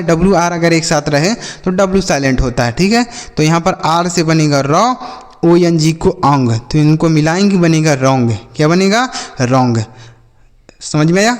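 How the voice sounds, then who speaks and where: A man leads a phonics lesson with a voice pitched a little high. He drills his listeners call-and-response style, asking and answering each question himself and calling them brother and children. His voice rings out with a long echo, as if he were speaking in a large hall. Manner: addresses viewers as "my brother" and "children". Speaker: English phonics teacher.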